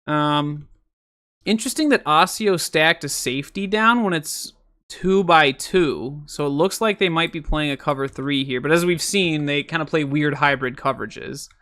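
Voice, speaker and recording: A man's voice: fairly high pitch, moderate pace, bright, forceful tone. A man casually breaking down football game film, thinking aloud with frequent fillers and exasperated outbursts.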